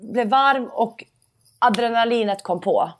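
A young adult woman, a padel player, telling a story in a casual interview and acting out the conversations she recounts. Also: a little high. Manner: animated storytelling, acts out quoted dialogue.

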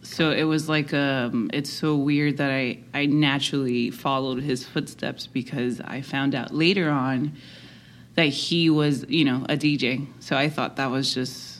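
A woman's voice: very deep voice, unhurried. Chatty woman from Miami. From Miami, United States. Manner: relaxed and chatty, laughs easily. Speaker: podcast guest. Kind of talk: casual interview chat.

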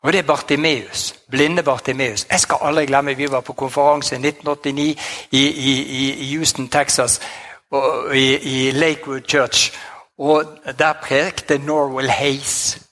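This man preaches with exclamatory energy at a medium pitch, laughing frequently and punctuating his sermon with hallelujahs and amens.

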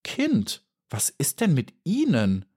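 A man's voice: mid-range voice, sing-song, normal speed, a little mellow, voice pushed up. A man voicing a large female dragonfly in a storybook, haughty, condescending and predatory.

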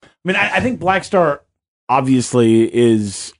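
A man speaking haltingly as a panelist in a casual podcast discussion. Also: medium pitch, animated.

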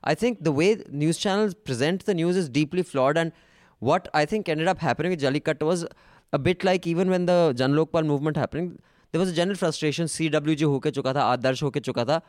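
A man's voice: a little high, fast talker, a little mellow, no echo, studio quality. A man with a North Indian accent hosting a panel discussion, speaking informally with stammered restarts and mixing in some Hindi. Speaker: discussion host.

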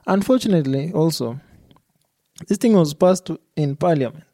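A man hosts a casual discussion, speaking in halting, hesitant phrases. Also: a little high, expressive, warm tone. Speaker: podcast host.

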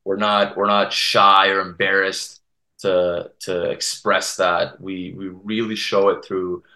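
A young guest from a Serbian community TV channel, from Toronto, Canada, speaks earnestly in a casual podcast interview with a very low, bright, forceful voice and a flat delivery. He halts and restarts his sentences often as he works through his answers, and the audio has a roomy echo.

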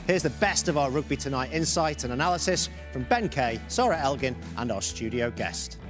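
A man's voice: mid-range voice, sing-song, brisk, over music. A man introducing a sports podcast in an upbeat announcer delivery, then chatting in the studio. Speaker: podcast host.

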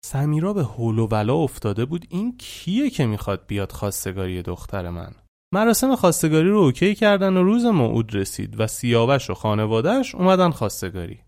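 A man's voice: medium pitch, very animated, darkish tone. A man narrating a true story he was told, in a colloquial, reflective storytelling manner.

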